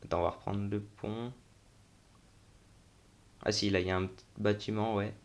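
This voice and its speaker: A man's voice: on the low side, little pitch movement, moderate pace, vocal fry. A young man giving casual, unscripted commentary on a game tour, thinking aloud in informal, slangy language. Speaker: gaming video host.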